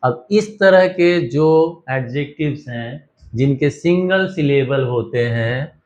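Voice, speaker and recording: A man's voice: medium pitch, expressive, slow, darkish tone, highs cut off. A man teaching an English grammar lesson, explaining step by step and mixing Hindi with English.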